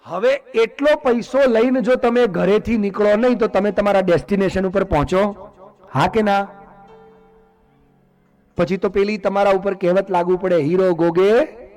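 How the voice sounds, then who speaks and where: A man with a high voice preaches a devotional discourse. He keeps turning to his listeners with questions and then answers them himself. Faint music plays underneath. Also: steady tone, normal speed, long pauses, a little mellow. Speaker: religious discourse speaker. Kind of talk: devotional sermon.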